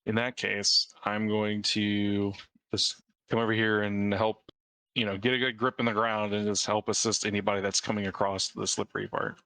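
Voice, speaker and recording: Male player, lowish voice with a sharp edge, easygoing. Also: little pitch movement, moderate pace, clean tone, no room sound. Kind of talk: casual tabletop chat.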